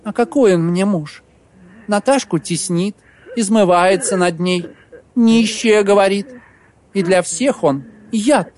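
Мужчина читает за расчётливую озлобленную молодую жену хозяина, уговаривая холодно и настойчиво. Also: male voice, sits high, takes it slowly, darkish tone, pitched above the performer's own voice. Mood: persuasive. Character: scheming bitter young woman, innkeeper's wife.

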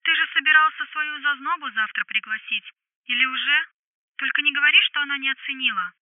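A woman's voice: high voice, fairly quick, no room sound, voice pushed up. A woman voicing a brash, blunt grown woman talking over the phone in an audiobook, with a telephone filter on her voice. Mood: teasing. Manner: blunt, scolding. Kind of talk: audiobook dialogue. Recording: tinny phone line.

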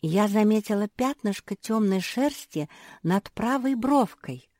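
A woman's voice: medium pitch, expressive, measured pace, darkish tone, no echo, studio quality, voice pushed up, natural voice. A woman voicing a clever, bossy pug sister who explains matter-of-factly and makes demands.

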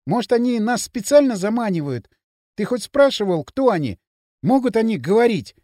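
A man's voice: sits high, big pitch swings, normal speed, mellow, dry recording, studio quality, voice pushed up. A man voicing a timid, plump young man who mumbles and frets nervously.

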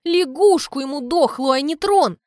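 A woman's voice: high voice, expressive, unhurried, dry recording, studio quality, pitched above the performer's own voice. A woman voicing a spirited, stubborn young noble girl who speaks impulsively and emotionally. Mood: upset, defiant.

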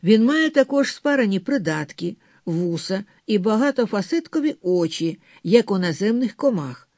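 A man's voice: sits high, lively intonation, moderate pace, a little mellow, no room sound, studio quality. A man narrating an audiobook of a novel and reading the characters' lines himself.

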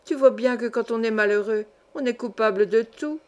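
A woman's voice: a little high, moderate pace, darkish tone, lightly acted. A woman reading the lines of a frightened, tearful young boy in a storybook, in a self-reproaching manner. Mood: tearful, despairing.

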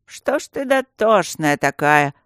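A reader voicing a sly, gruff stone guardian who growls and coaxes by turns. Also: mid-range voice, expressive, measured pace, no room sound, studio quality. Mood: evasive. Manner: growling, fussy, coaxing.

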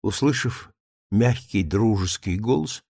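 A man narrating a literary audiobook in an expressive storytelling manner, recorded on a close studio mic. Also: fairly low pitch, unhurried, creaky, no room sound.

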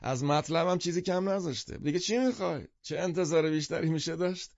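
A man voicing an excitable half-drunk middle-aged man who stammers and marvels, in an audiobook. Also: mid-range voice, vocal fry, no room sound, voice pushed up. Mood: excited. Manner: slurring, stammering, wonder-struck. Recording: dull lo-fi dry recording.

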